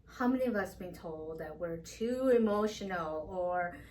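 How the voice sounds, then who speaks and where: A woman's voice: on the low side, lively intonation, unhurried, a little mellow. Woman, therapist guest, earnest, repeats for emphasis, distant mic, light hiss. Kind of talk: casual conversation. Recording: distant mic, faint noise.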